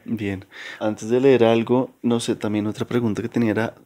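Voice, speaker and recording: A man's voice: lowish voice, normal speed. A man hosting a podcast, asking casual questions and nudging his guest along with short remarks. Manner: relaxed, brief prompting remarks. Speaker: podcast host.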